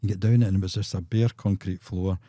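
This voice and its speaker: Deep-voiced Glaswegian man in his sixties telling stories. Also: fairly even intonation, fast talker, warm tone, dry recording, studio quality. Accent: Scottish, Glaswegian. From Scotland. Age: 60s. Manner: chuckling raconteur, acts out quotes. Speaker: musician guest. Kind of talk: anecdotal storytelling in a podcast.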